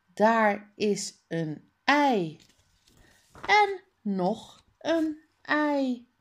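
A woman teaching early reading, sounding out simple words one by one, slowly and deliberately. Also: a little high, big pitch swings. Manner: slow and deliberate, stretching sounds, animal noises.

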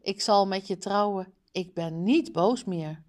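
A woman reading the lines of a firm, clever young princess slowly from a storybook. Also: mid-range voice, a little mellow, natural voice. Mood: pretending. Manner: slow, plainly read dialogue.

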